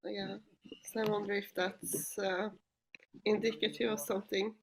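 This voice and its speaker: A woman co-host speaks hesitantly in a casual podcast chat, hunting for words. Her voice sits at a middle pitch. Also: little pitch movement, moderate pace, creaky, crowd noise, low-quality recording.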